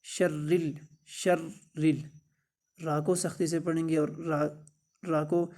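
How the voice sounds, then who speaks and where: A man with a Pakistani Urdu accent teaching Quran recitation step by step, chanting verses slowly between spoken explanations. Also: fairly high pitch, little pitch movement, darkish tone. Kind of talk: slow step-by-step recitation lesson.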